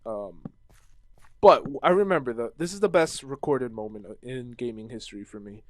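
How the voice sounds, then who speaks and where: A man's voice: mid-range voice, moderate pace, no room sound. A young man chatting casually at home while playing a game, rambling and restarting sentences as he tells stories and answers viewer questions. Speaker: gaming vlogger.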